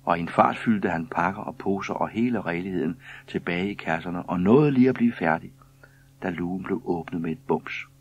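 Man reading a kids story, deep and a bit husky, calm. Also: lo-fi sound. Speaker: narrator. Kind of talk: scripted children's story reading.

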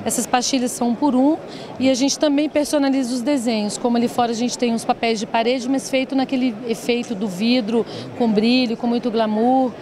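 Speaking a little fast with a steady tone and a voice on the high side, the same Brazilian director in her forties describes her design work. The interviewer holds a handheld reporter mic at her open stand in a big indoor exhibition hall, where a bustling trade fair crowd chatters in the background.

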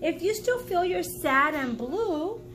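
With a very high pitch and lively intonation, a woman in her forties reads a children's book aloud in a small room at home. She acts like a teacher, offering encouragement and pausing for explanations and questions aimed at the listener.

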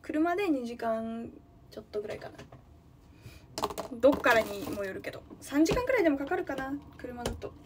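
A woman's voice: fairly high pitch, sing-song, fairly quick, background noise. A young woman from Nagano, chatting casually on a livestream, thinking aloud and greeting viewers often. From Nagano, Japan. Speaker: livestreaming idol.

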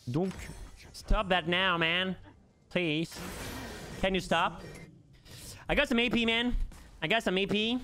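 A man commentating his own game live, excitable and swearing, with mock-formal asides and bits of English. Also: high-pitched, slight background noise. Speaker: streamer.

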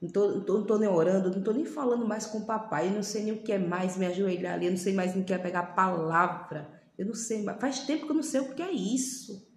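A Brazilian woman in her thirties, a lay preacher, delivers a fervent, pleading devotional sermon to her phone camera held at arm's length, often slowing for emphasis. Her voice is mid-range, and the small indoor room sounds echoey with a faint background hum.

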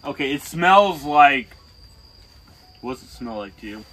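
A young man co-hosting a hot-food challenge, bantering casually, yelling, swearing and laughing a lot. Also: mid-range voice, animated, unhurried.

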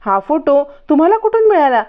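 A woman's voice: sits high, sing-song, brisk, voice pushed up. A woman reading as a panicky young husband. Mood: panicked. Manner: anxious, questioning. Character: young man, flustered husband. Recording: dull lo-fi recording.

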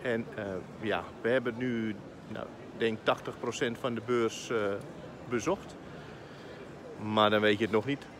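A middle-aged man chatting casually as he films a vlog in a large exhibition hall, exclaiming in amazement at what he sees. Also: medium pitch. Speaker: vlogger. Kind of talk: casual vlog at a trade fair. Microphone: phone at arm's length. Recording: noisy hall background.

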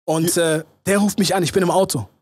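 A young man, a choreographer and show director, telling a story as a podcast guest with lively energy, acting out quoted lines and mixing in English phrases. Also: high-pitched, fairly quick, slightly rough, no room sound, clean studio sound. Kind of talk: animated anecdote-telling in casual chat.

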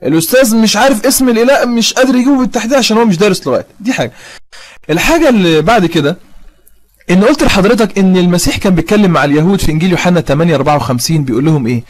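Young man, Egyptian accent, debate host, argumentative, reads quotations aloud, high voice, rapid speech. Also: animated. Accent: Egyptian Arabic. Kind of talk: online religious debate.

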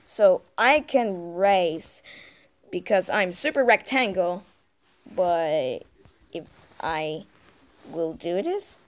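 A woman voicing a proud square number-block character in a fan cartoon, speaking haltingly. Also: on the low side, animated, pitched below the performer's own voice. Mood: boastful.

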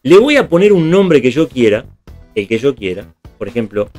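A man's voice: mid-range voice, sing-song, moderate pace, darkish tone. Man, patient tutorial teacher, step-by-step, faint background music. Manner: patient, step by step, checks in with "¿está bien?". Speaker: programming teacher. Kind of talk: screen-recorded tutorial.

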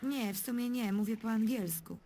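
A young woman voicing a calm, matter-of-fact heroine in a dubbed adventure game. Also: fairly high pitch, moderate pace, slight background noise, lightly acted. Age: young adult. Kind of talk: game dub voice acting.

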